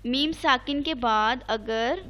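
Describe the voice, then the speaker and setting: A woman's voice: a little high, lo-fi sound. A woman teaching an online Quran recitation lesson, patiently repeating the rules and checking that her student understands. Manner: chants Arabic examples slowly.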